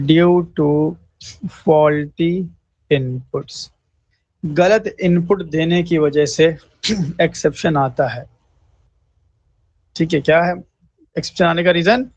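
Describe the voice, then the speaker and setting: A man teaching a programming lesson, who speaks slowly and repeats points, often checks in with listeners and mixes English terms into his Hindi. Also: on the high side, no room sound. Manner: slow, repetitive, checks in with "thik hai" often; clears throat now and then. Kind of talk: screen-recorded coding lesson. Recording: dry, slightly dull mic.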